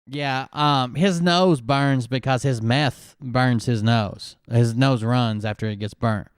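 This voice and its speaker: A man hosting a casual commentary chat, explaining calmly and skeptically, with an occasional swear word. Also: medium pitch, slow, clean tone, dry recording, studio quality.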